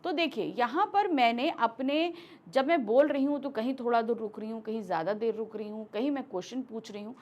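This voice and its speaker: A woman's voice: on the high side, fairly quick, a little mellow, dull audio. A woman teacher explaining a grammar lesson step by step, acting out example sentences as she goes.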